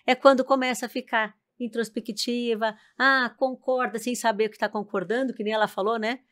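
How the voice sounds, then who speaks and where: Measured woman explaining hearing health. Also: on the high side, steady tone. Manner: measured, explanatory, frequent "né?" tags. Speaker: speech and hearing therapist. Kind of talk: explanatory guest chat.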